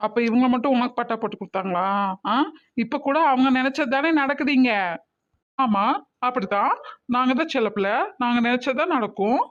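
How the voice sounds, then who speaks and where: A woman's voice: on the high side, brisk, close to an everyday voice. A woman voicing a bossy, scolding adult woman in a cartoon family drama, emphatic and full of rhetorical questions. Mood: arguing. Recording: slightly muffled recording.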